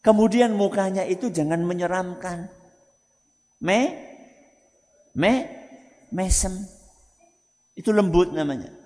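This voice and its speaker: A man with a Javanese accent, an ustaz giving an animated religious talk to parents, often asking the audience rhetorical questions. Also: high voice, slow pace, long pauses. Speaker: ustaz, Islamic preacher. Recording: reverberant hall.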